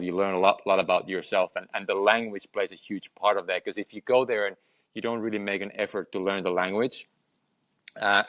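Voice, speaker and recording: Recorded with no room sound, this male podcast guest from Finland has a fairly low, slightly bright voice. He works as a health and lifestyle coach and, during the conversational interview, reflects aloud, frequently repeating words as he collects his thoughts.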